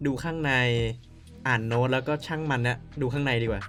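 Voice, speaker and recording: A man playing a story game, reading its text aloud and dropping in quick puzzled asides to viewers. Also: mid-range voice, fairly bright tone, soft background music. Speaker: game streamer.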